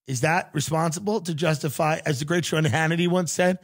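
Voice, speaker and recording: A man's voice: on the high side, steady tone, brisk. A man hosting a podcast, lecturing his producer in casual chat, full of stammered restarts and mocking put-on quotes. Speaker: podcast host.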